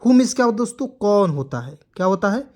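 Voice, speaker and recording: A man's voice: high-pitched, very animated, fast talker, warm tone. A man teaching English words, spelling them letter by letter and drilling each one with repeated questions and answers. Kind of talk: classroom-style spoken lesson.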